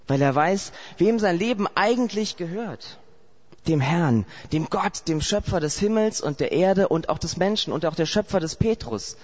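Preaching a sermon, a Saarland man with a slightly high, somewhat mellow voice recounts the story vividly and returns again and again to rhetorical questions. He comes from Saarland, Germany, and the audio is dull and lo-fi.

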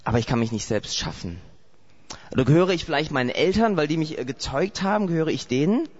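A man's voice: on the high side, lively intonation, fast talker. A man from Saarland preaching a sermon, telling the story vividly and asking repeated rhetorical questions, in a dull lo-fi recording. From Saarland, Germany.

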